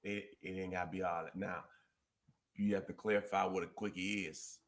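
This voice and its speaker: A man hosting a relationship advice chat, emphatic and preachy, quoting scripture and repeating key points slowly. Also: low-pitched, fairly even intonation.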